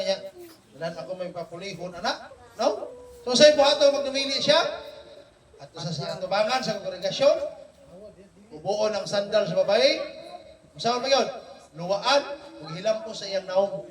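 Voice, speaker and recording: A man with a high, light voice leads a family Bible study, animated and teasing, tossing "no?" at his listeners every few phrases. He sounds set back from the mic in an echoey room. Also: distant mic. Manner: animated, teasing, keeps checking in with "no?". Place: home room with family gathered.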